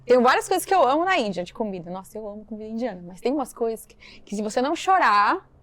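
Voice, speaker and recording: A woman from Brazil, a missionary guest on a podcast, telling her story lively and acting out the dialogue. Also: fairly high pitch, fast talker. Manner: animated storytelling, acts out quoted dialogue. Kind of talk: storytelling interview.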